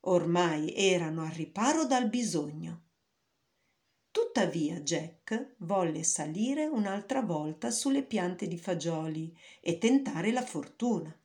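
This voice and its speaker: A woman's voice: lowish voice, expressive, slow pace, darkish tone. A woman narrating a fairy tale in a storybook reading, with careful storytelling.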